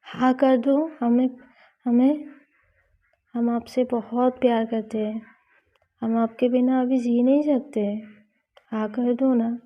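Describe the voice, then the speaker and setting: A woman's voice: fairly high pitch, steady tone, slow, pauses often. Woman voicing a teasing young college girlfriend. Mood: coaxing. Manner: teasing, coaxing. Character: playful affectionate young college woman in love. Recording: slightly dull lo-fi recording.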